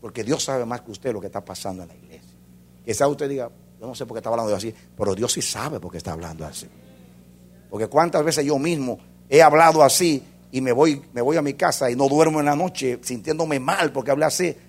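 A man preaching a sermon as a pastor, swinging between loud fervor and hushed intensity. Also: medium pitch, a little fast, breathy edge.

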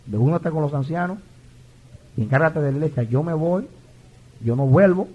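A man's voice: on the high side, lively intonation, a little fast, husky, muffled recording. A man in his forties preaching an impassioned, emotional sermon, often stumbling and repeating words as he testifies. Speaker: pastor.

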